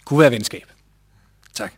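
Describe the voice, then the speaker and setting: A man telling a personal story on stage, lively and animated, acting out the quotes. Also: background noise. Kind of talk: live storytelling.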